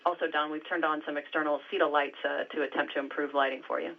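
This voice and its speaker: A man's voice: fairly high pitch, level tone, fast talker, creaky. A man in mission control making a clipped, matter-of-fact radio callout over a tinny space-to-ground loop that sounds like a sci-fi communicator. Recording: tinny radio line from afar.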